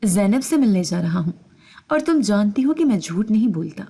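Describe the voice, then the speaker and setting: A woman's voice: mid-range voice, big pitch swings, dark tone, breathy edge. A woman voicing an anxious, determined man who insists on visiting his sister, speaking insistently and suspiciously in a story reading. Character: male narrator's brother, anxious, determined man.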